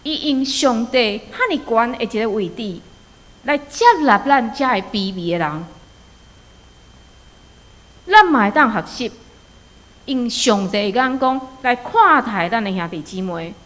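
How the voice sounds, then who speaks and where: A woman's voice: on the high side, expressive, unhurried, long pauses, fairly bright tone. A woman with a Taiwanese accent preaching a sermon, telling stories and urging listeners with rhetorical questions. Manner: storytelling, exhorting with rhetorical questions. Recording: long hall reverb.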